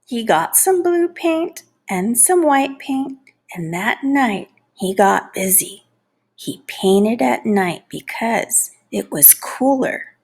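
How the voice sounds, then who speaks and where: Woman, storybook narration, unhurried, husky, expressive, lingers on key words. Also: a little high. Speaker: storybook reader. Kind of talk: expressive children's read-aloud narration.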